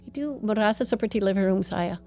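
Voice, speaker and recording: With music behind her, a mid-pitched, mellow-sounding woman from the United States speaks a little fast in Indonesian, often mixing in English since she's a native English speaker and a foreigner. A gallery owner and painter appearing as an interview guest, she tells stories casually in an American accent.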